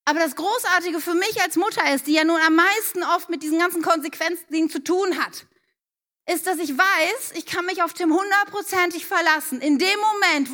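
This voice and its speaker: A middle-aged woman with a high voice gives an earnest church talk on raising children. She talks straight to the parents in the room, direct and heartfelt, as if coaching each one. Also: bright, forceful tone.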